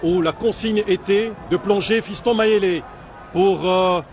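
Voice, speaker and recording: A man's voice: high voice, unhurried, slight background noise. A man giving live football commentary in broken phrases, often hesitating as he searches for words.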